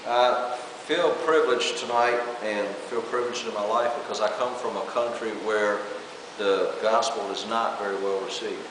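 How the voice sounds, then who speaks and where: A man's voice: lowish voice, fairly even intonation, normal speed. A man interpreting a church talk into English, hesitant with frequent fillers, in a large church hall. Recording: echoey hall from far off, hiss.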